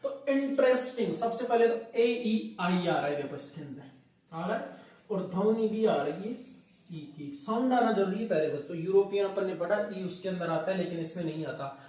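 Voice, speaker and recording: In a very echoey room, a man's voice comes from far off as he teaches English grammar to students, addressing his viewers as dear children and answering his own questions along the way. He sounds animated and sits high in pitch, speaking at a normal pace with a darkish tone.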